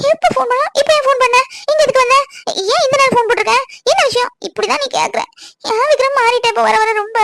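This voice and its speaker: A woman's voice: very high-pitched, vocal fry, a bit bright, no room sound, exaggerated voice. A young woman voicing a lonely, tearful girlfriend who complains and pleads with her boyfriend.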